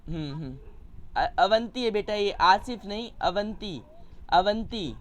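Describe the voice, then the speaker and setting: A man's voice: sits high, lively intonation, slow, a bit bright. A man teaching a primary school Hindi class over a video call, patiently explaining words and coaxing children to read aloud. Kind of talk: online class lesson.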